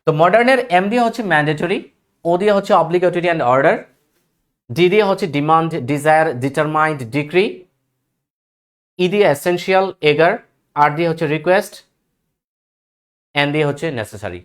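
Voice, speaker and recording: A man's voice: on the high side, expressive, a little fast, pauses often, clean tone. A man teaching an English grammar lesson, reciting word lists in a rhythmic chant and mixing English phrases into his explanations.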